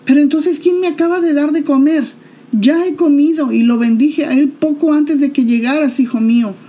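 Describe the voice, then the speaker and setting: A woman voicing an aged blind father in a Bible story, speaking slowly and gravely. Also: medium pitch, dark tone, lightly acted. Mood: distressed.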